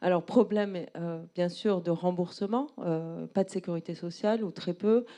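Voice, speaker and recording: A woman's voice: fairly low pitch, steady tone, normal speed, dark tone. A woman interpreting a presentation live, explaining and rephrasing as she goes.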